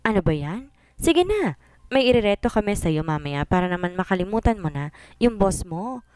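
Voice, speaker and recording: A woman's voice: mid-range voice, very animated, normal speed, a little mellow, clear, resonant tone, no room sound, natural voice. A woman voicing a teasing, nosy young female best friend, with faint music behind.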